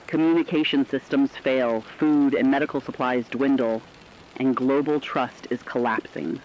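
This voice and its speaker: A man with a medium-pitched, steady voice plays a radio war correspondent, delivering a scripted dramatic news report at normal speed in a grave, formal, emphatic way. His tone is resolute and lightly acted. The sound is dull lo-fi radio with faint rain and slight background noise.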